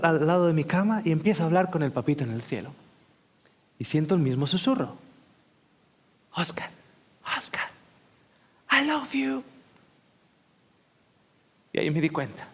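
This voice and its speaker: A male pastor preaching a sermon as heartfelt personal storytelling, often dropping to hushed whispers before speaking up with emphasis. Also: a little high. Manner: shifts between hushed whispers and louder emphatic speech.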